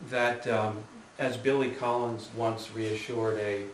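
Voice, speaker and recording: Slow-paced man reading poems aloud. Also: fairly low pitch, little pitch movement, slight background noise. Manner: hesitant, filler-heavy introductions; slow, measured reading. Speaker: poet giving a reading. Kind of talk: live poetry reading. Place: room at a live reading with an audience. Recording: roomy, distant mic with faint ambience.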